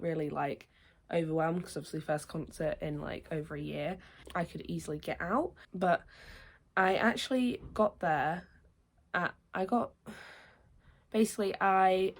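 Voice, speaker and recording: A young woman, vlogging in casual chat, her voice slightly croaky and nasal from a cold, rambling with many restarts. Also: fairly low pitch. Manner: rambling, with many fillers and self-corrections. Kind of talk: casual chatty vlog talk.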